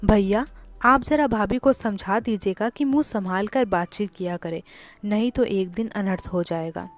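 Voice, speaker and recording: A woman's voice: mid-range voice, normal speed, no echo, close to an everyday voice. A woman voicing a hot-tempered, rude young village man in a storybook reading, with a curt, scolding delivery. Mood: angry.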